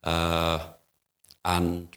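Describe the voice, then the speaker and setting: A man who runs a kitchen appliance shop, answering interview questions in a measured way with many "uh" pauses and restarts. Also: deep voice, completely flat delivery, fairly bright tone. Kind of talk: business interview.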